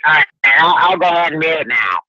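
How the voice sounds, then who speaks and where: A man's voice: fairly high pitch, lively intonation, fast talker, bright, forceful tone, dry recording. A man co-hosting in a casual chat, joking around, his voice coming over a crackly remote line that sounds like a CB radio. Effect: heard over a crackly remote line that sounds like a CB radio. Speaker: co-host. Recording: muffled lo-fi call line with faint hiss.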